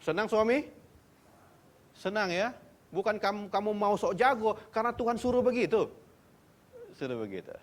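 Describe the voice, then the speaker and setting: A man preaching a sermon at a church service, animated, acting out quoted speakers and rising into high, loud exhortation. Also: normal speed, long pauses. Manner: animated preaching, climbs to high-pitched loud exhortation, mixes English words; acts out imagined speakers in quoted lines. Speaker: pastor.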